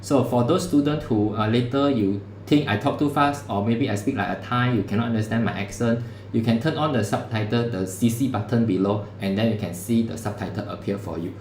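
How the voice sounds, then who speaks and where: A male lecturer teaches a class over a livestream in a casual, chatty style, sprinkling in local particles. His voice is lowish and somewhat dark, and he talks a little fast with few pauses. The streaming setup mic picks up an echoey room and a faint background hum.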